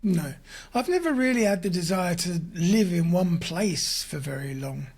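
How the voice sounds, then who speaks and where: A man's voice: sits high, lively intonation, normal speed, darkish tone, husky. A man co-hosting a podcast in casual chat, blunt and sarcastic, swearing freely. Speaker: podcast co-host.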